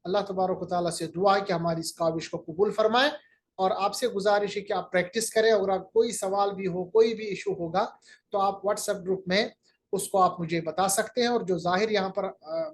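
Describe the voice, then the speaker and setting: Woman teaching recitation, drawn-out example words. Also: lowish voice. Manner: explains step by step, drawing out example words slowly and clearly; patient, plain teaching tone with pauses and fillers. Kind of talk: recorded lecture on recitation rules.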